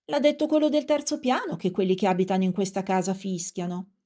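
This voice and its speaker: A woman voicing a pedantic, quarrelsome little man with a stubborn logic, calling out loudly and a little higher than her narration. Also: quick pace, close to an everyday voice. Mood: indignant. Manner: loud, shouting up to a window.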